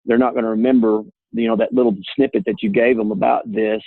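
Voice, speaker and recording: A man with a husky, gravelly voice talks earnestly and plainly as an insurance agent explaining how plans work. His voice comes through a thin, tinny phone line. The sound is dry, with no room around it. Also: lowish voice, little pitch movement, quick pace, no room sound. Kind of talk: casual explanatory talk on a call.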